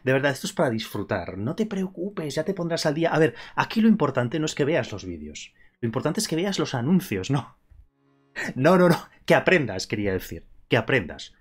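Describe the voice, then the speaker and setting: A man with a Spain Spanish accent chats through a live painting stream. His voice is lively and rises and falls a lot as he jokes and teases himself. Soft music plays faintly behind him. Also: medium pitch, a little fast, husky. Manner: playful, joking and self-mocking. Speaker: live painting tutorial host. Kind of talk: casual live-stream chat while painting.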